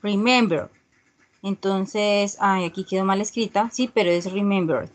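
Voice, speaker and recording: A woman teaching an online English class, explaining rules slowly and checking in with her students often. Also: medium pitch. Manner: slow, repeats "¿sí?" checks with students. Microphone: video call.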